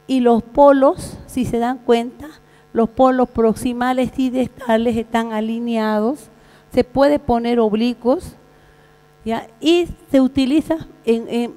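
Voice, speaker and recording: A Bolivian woman, a veterinary surgeon, giving a conference lecture in a large hall, talking haltingly with frequent fillers and restarts. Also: fairly high pitch, mellow. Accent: Bolivian Spanish. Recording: reverberant hall with mains hum.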